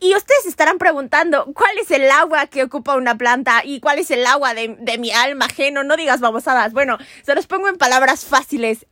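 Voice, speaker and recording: A woman's voice: sits high, a bit bright, dry recording, clean studio sound. A young woman, hosting a casual chat in an earnest, rambling, self-mocking way. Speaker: podcast host.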